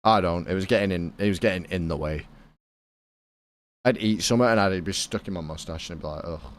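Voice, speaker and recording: Speaking a little fast in a low-sitting voice, this British streamer rambles to his live viewers while playing a game. He chats casually and swears freely.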